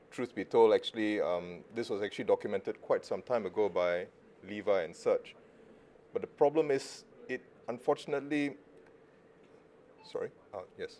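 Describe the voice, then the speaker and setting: A man's voice: fairly low pitch, a little mellow, slight background noise. A middle-aged man from Malaysia, a surgeon giving a conference talk in a casual, joking way with self-deprecating asides. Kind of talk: conference presentation.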